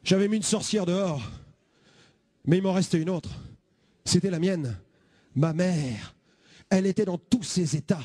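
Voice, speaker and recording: A young man giving a lively testimony as a preacher, acting out the voices in his story. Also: high voice, measured pace, pauses often, dry recording. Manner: acts out every voice in his story, shouting and pleading. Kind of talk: animated testimony.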